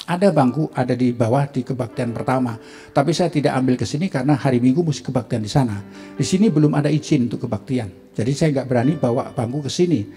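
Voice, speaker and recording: A middle-aged man with an Indonesian accent, preaching a sermon as a pastor and telling a personal story, acting out the dialogue in a livelier, higher voice. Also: mellow. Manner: storytelling, acts out dialogue with rising pitch, laughs. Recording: faint music behind.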